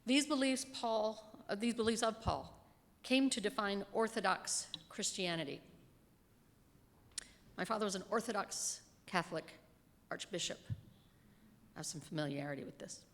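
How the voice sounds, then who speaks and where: A middle-aged woman, acting as a lay reader, reads a minister's written sermon from a lectern into a gooseneck microphone. Her medium-pitched voice moves at a normal speed with long pauses, and the church hall echoes with long reverb.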